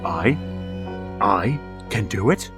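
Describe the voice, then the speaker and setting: An actor in a vintage-style radio drama, backed by music, portrays a middle-aged father in grief who narrates and begs desperately to reach his dead son. His low voice is animated yet slow, moving from anguished pleading to frantic outbursts.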